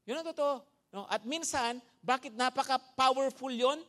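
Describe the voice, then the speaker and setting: A high-pitched man delivering an animated sermon, switching between Tagalog and English. He keeps checking in with his listeners by asking "no?" and acts out his stories with loud sound effects. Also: moderate pace. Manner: animated, often asks "no?" and "di ba?" of listeners. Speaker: preacher. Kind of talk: Taglish sermon.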